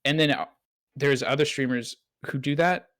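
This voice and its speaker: A man's voice: mid-range voice, moderate pace, fairly bright tone, dry recording, clean studio sound. A man, a game streamer being interviewed, speaking casually and reflectively. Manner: reflective, candid, with fillers and restarts. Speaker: streamer and guest.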